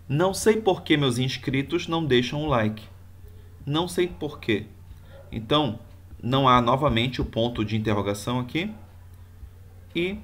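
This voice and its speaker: A man teaches a grammar lesson at a middle pitch. He explains each rule didactically, step by step. He backs every rule with example sentences. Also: fairly bright tone. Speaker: Portuguese teacher.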